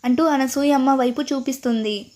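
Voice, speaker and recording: A woman's voice: high voice, moderate pace, warm tone. A woman with a Telugu accent narrating a family story and reading each character's lines in her own voice.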